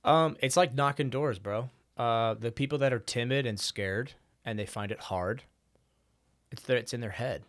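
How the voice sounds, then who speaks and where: A man's voice: mid-range voice, moderate pace, fairly bright tone, no echo, clean studio sound. A young man co-hosting a podcast, chatting casually and animatedly, acting out the voices of people in his stories and laughing often. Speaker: podcast co-host. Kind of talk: casual conversation.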